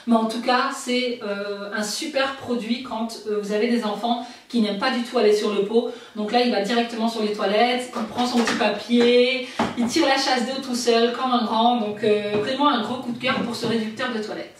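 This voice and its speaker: Chatty young mom in an echoey room. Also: female voice, on the high side, steady tone, moderate pace, recorded from a distance. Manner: chatty, many fillers and "franchement". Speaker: vlogger reviewing products. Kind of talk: casual product review. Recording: echoey room, a little off-mic, faint noise.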